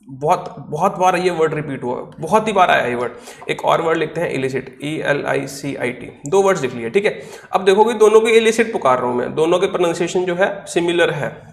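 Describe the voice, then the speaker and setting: This online lecture in Hindi features a man whose voice sits on the high side and sounds creaky, recorded with a roomy quality. Teaching English vocabulary, he works through things step by step, spelling each word letter by letter and responding to his own questions.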